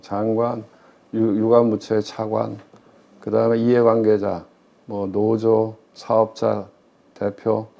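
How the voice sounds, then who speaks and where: Speaking slowly in a low, monotone, gravelly voice with a dark tone, a middle-aged man offers expert commentary on public finance during a conversational interview. He is a former pension fund chief investment officer. He presses his points hard and tends to answer his own questions, and the sound is a little muffled.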